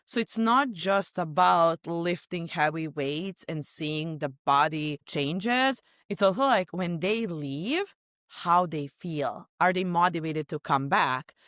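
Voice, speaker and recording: A woman's voice: on the low side, takes it slowly, fairly bright tone, no room sound, studio quality. A woman from Serbia with a Serbian accent, a guest on a podcast talking openly in loose, chatty phrases. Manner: chatty and open, talks in loose run-on phrases. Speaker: podcast guest, sales leader. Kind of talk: casual podcast conversation.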